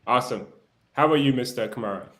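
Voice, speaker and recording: A man's voice: medium pitch, fast, a bit bright. A man hosting a talk show, reading a formal introduction and then asking interview questions in an upbeat way. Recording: roomy echo.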